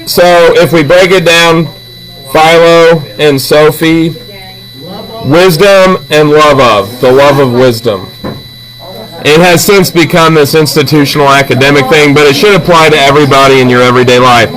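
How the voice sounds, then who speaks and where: A man with a slightly high, somewhat bright voice talks at a normal speed, though the audio is poor. He's an art teacher guiding students through a hands-on drawing lesson step by step, pausing for short check-in questions. Classroom chatter surrounds him.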